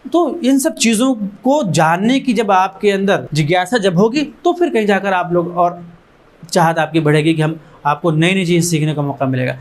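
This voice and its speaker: High-voiced man urging students on. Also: expressive, moderate pace. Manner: earnest, exhorting, piles up short repeated phrases. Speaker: founder of an education trust addressing students. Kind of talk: motivational talk to students. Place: learning centre room with students and teachers.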